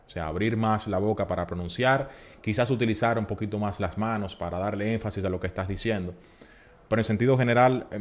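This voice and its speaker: A man with a lowish voice, a public speaking coach, gives advice in a casual podcast conversation. He is emphatic and animated, acting out little quoted scenes.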